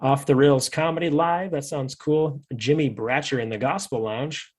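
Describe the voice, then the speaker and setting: A podcast host from Fargo, North Dakota, chats in a rambling, easygoing, jokey way. His voice is mid-range and a little mellow, and he keeps a moderate pace.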